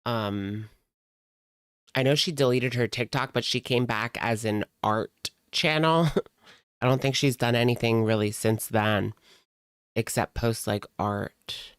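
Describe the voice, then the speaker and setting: A reaction streamer offers casual live commentary, blunt, sarcastic, and conversational. The voice is mid-range, with studio-quality sound and no echo.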